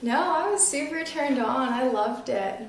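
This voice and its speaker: A woman's voice: high voice, expressive, unhurried, far from the mic. A nineteen-year-old woman answering interview questions casually, giggling and using lots of "like" fillers. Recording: very echoey room, voice off-mic.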